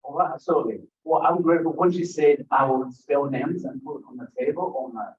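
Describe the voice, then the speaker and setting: At his book talk, a Ugandan man who speaks English as a second language keeps a conversational tone and jokes with the audience between stories. His voice is on the high side at normal speed, and the distant, roomy, dull bookstore recording has a little hiss or hum.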